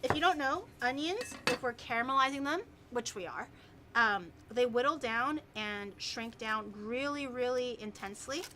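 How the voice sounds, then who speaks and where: A woman's voice: on the high side, lively intonation, normal speed, sharp tone, a little hiss or hum. A woman hosting a casual cooking live stream, chatting in a playful, teasing way and swearing casually.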